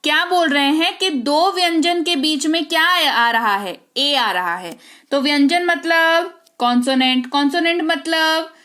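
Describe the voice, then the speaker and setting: A woman's voice: high-pitched, a little slow, bright, forceful tone. A woman teaching English spelling rules, spelling words out letter by letter and checking in with the class through frequent rhetorical questions. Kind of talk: spoken English lesson in Hindi.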